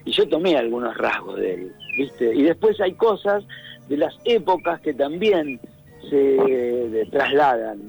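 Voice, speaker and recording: A middle-aged man with a Rioplatense Spanish accent speaks by phone line on a radio broadcast, with faint music and low-quality sound. His mid-range voice is gravelly, husky and a little mellow, very animated yet unhurried. A radio columnist chatting casually, he thinks aloud, hunts for words and sometimes hums rhythms.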